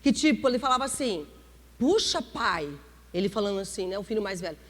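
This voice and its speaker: A woman pastor from Brazil preaching a sermon, talking in a confiding way with sudden dramatic jumps in pitch and drawn-out words. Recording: church hall reverb.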